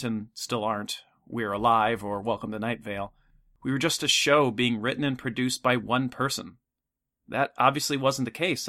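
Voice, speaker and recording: Earnest male podcast host, reflective, bright-toned, mid pitch. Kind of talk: anniversary message to listeners.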